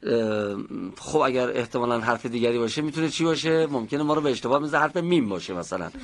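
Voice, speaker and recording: A man's voice: medium pitch, expressive. A man teaching a pronunciation class, patiently explaining how each sound is made and calling on students by name.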